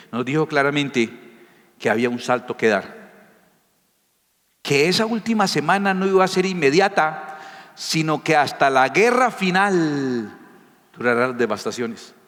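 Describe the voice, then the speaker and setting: A man's voice: a little high, animated, moderate pace, fairly bright tone. A man preaching a sermon as a pastor, emphatic and firing rhetorical questions at his listeners. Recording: reverberant hall.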